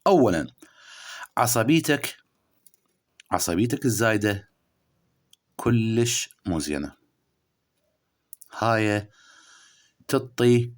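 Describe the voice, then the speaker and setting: A man with an Iraqi Arabic accent giving a spiritual horoscope reading to the listener in a preachy, scolding way, jumping between loud emphatic bursts and low murmurs. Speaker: spiritual astrology reader. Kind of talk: direct-address horoscope reading.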